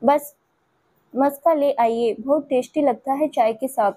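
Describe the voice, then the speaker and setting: A woman voicing a playful, quick-tempered young woman who talks in a lively, pouting way. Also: high voice. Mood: cheerful.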